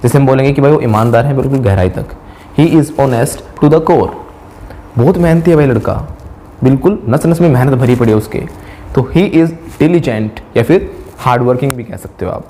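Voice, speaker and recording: A middle-aged man teaching spoken English, asking quiz questions and repeating each English sentence slowly. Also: medium pitch, lively intonation, warm tone, a little hiss or hum. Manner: asks the viewer rhetorical quiz questions.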